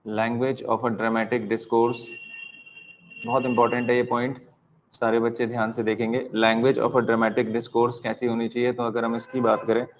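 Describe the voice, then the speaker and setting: Slow-dictating Indian male teacher. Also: mid-range voice, little pitch movement, lo-fi sound, a little hiss or hum. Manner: slow dictation, spelling words out letter by letter and repeating key lines; mixes Hindi and English. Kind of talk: online exam-prep lecture.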